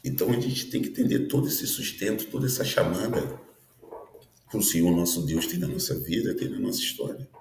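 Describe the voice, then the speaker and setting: Deep low voice, pastor around 50 doing an earnest sermon, echoey room. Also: male voice, expressive, fairly quick, a little mellow, a little hiss or hum. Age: 50s. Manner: earnest preaching with frequent tag questions. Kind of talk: prophetic teaching sermon.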